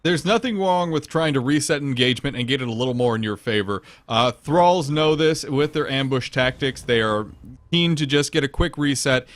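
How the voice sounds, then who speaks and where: A man's voice: mid-range voice, normal speed. A man commentating a competitive online game match, explaining tactics and calling the action. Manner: analytical, explains tactics, bursts of excitement at big plays. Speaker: esports commentator.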